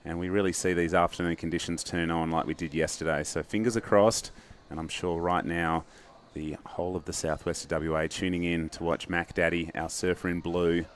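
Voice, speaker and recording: Male booth anchor for surf contest, low-pitched, live commentary. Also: little pitch movement, a little fast, a little hiss or hum.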